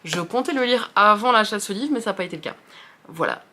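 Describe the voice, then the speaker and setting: A woman's voice: mid-range voice, lively intonation, fast talker, sharp tone. A young woman with a French accent chatting casually about books she likes, rambling with many fillers and restarts and poking fun at herself. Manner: self-deprecating, chatty. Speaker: book video host.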